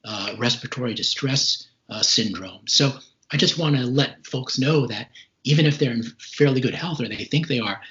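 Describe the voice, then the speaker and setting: Guy in his 40s kinda short of breath, halting careful explaining in an interview, muffled lofi sound. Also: medium pitch, a bit bright. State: short of breath, recovering from serious respiratory illness. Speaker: interview guest, recovering patient. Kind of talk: recounting personal experience in an interview. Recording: dull lo-fi call audio.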